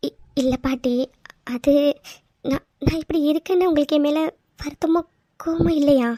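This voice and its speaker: A woman's voice: sits high, fairly even intonation, moderate pace, a little hiss or hum, close to an everyday voice. A woman voicing a timid, apologetic young wife. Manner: hesitant, stammering, keeps apologising.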